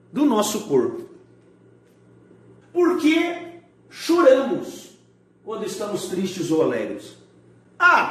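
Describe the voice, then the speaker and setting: A man teaching a video lesson, his voice sitting high and swinging widely up and down. He throws out rhetorical questions and acts out his examples with energy. The sound bounces around an echoey room. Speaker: art teacher. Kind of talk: recorded video lesson for schoolchildren.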